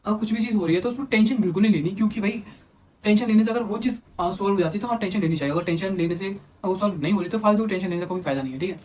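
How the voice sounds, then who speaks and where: A young man casually telling a personal story as a vlogger, animated and acting out what others said. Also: fairly high pitch, slight background noise. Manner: animated, quotes others in acted asides. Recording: music playing underneath.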